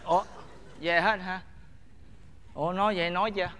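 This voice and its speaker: A man playing an excitable old father in a stage comedy. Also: sits high, fairly quick, echoey room. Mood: eager.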